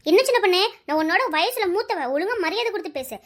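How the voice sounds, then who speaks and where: A snooty, uncaring neighbour woman in a cartoon with a piercingly high voice, as a woman puts her on. She brushes others off in quick, haughty words. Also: expressive. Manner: dismissive, haughty. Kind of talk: cartoon voice acting.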